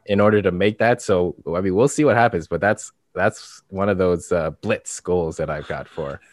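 Male podcast co-host, low register, monotone and casual, recorded dry and close. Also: moderate pace, no room sound. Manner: monotone, flat delivery.

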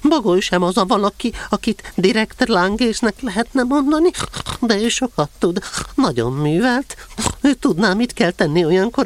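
Plaintive, high-voiced little piglet. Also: male voice, slight background noise. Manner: plaintive, fretful grumbling. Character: small timid piglet, plaintive and self-pitying storybook animal. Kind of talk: audio drama character acting.

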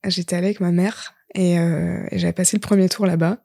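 A woman's voice: lowish voice, steady tone, fast talker, vocal fry, dark tone, no room sound. A woman from southern France with a Parisian French accent, telling personal stories in slangy, informal, self-interrupting French. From Lozère, southern France. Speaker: interview guest, stage actress. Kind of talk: casual chat, telling personal anecdotes.

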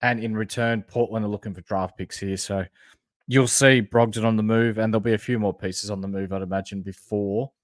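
A man's voice: lowish voice, fairly even intonation, fairly quick, dry recording, studio quality. A man with a broad Australian accent, talking in an informal, agreeable, slangy way as a sports podcast co-host. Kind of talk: casual basketball analysis chat.

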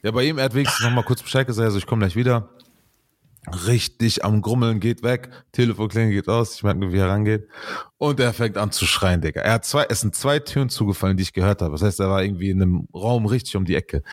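A man's voice: fairly low pitch, fast talker, no echo, clean studio sound. A man casually telling a funny story in slangy street talk, laughing often.

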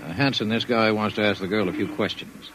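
Man acting a low-voiced police lieutenant. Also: steady tone, a little fast, a bit bright, a little hiss or hum, natural voice, poor audio. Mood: flat, businesslike. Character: matter-of-fact male police lieutenant. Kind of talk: old-time radio drama acting.

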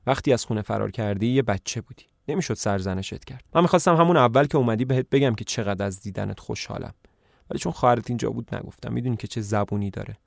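A man's voice: on the low side, gravelly, darkish tone, no room sound, studio quality. A man reading a sly scheming farmer. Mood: coaxing. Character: scheming middle-aged farmer son-in-law.

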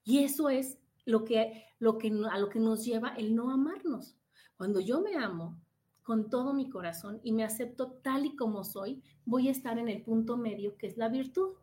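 A woman's voice: a little high, moderate pace. A woman hosting a reflective talk, asking her listeners questions and acting out quoted people. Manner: speaks to listeners with rhetorical questions and "¿no?"; acts out quoted people in brighter, louder bursts. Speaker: podcast host. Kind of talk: reflective monologue.

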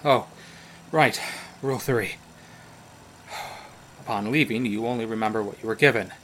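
A man's voice: on the low side, normal speed, a bit bright, a little hiss or hum, lightly acted. A man playing a confused, defensive doctor caught in a strange encounter. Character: baffled male doctor investigator.

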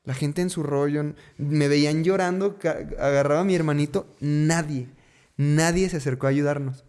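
A man's voice: a little high, moderate pace, darkish tone, clean tone. A man from Mexico with a Mexican accent, telling a personal story in a casual, conversational way, repeating words for emphasis and dropping slangy asides.

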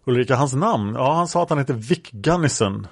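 Young woman witness, read by a man, flat transcript reading, gravelly voice, dry sound. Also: medium pitch, no echo. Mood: recounting. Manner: flat reading of transcript lines, speaker labels read aloud. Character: young woman witness recounting a café encounter.

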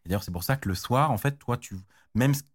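A man's voice: mid-range voice, animated, quick pace. A man explaining technical standards in casual chat, slangy, with many restarts and fillers. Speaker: tech guest expert.

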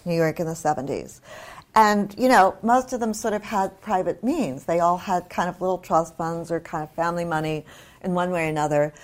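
An older woman from New Zealand talking as a guest author, candid and discursive in a conversational literary discussion. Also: lowish voice.

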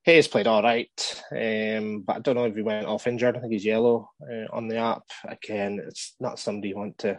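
A man co-hosting a casual fantasy football podcast, giving measured advice with frequent hesitations. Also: lowish voice, steady tone, dry recording. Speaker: podcast co-host.

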